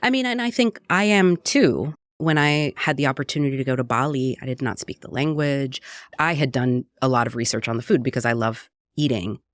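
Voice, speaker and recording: A woman's voice: a bass voice, brisk, no echo, clean studio sound. Earnest reflective woman interview guest. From Puerto Rico. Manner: earnest and reflective, frequent "right?" tags. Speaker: guest, cookbook author and radio producer. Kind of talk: conversational interview.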